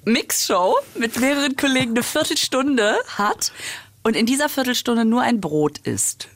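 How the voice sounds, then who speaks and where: A woman's voice: on the high side, animated, normal speed. A woman co-hosting a podcast in casual, playful chat, laughing often. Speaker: podcast co-host.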